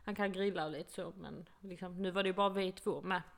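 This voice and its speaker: A woman from Sweden in her twenties talks in a relaxed, chatty way. Her voice has a gravelly edge. She tells a story with lively quoted lines and laughs along as she goes. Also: fairly low pitch. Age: 20s. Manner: animated storytelling, acting out quotes, laughs often. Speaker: podcast co-host telling an au pair story. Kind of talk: casual chat.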